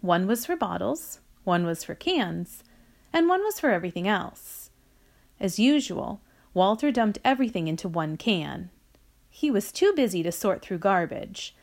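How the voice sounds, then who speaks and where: A woman reading a children's story aloud, with a slow, expressive delivery. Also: mid-range voice, vocal fry.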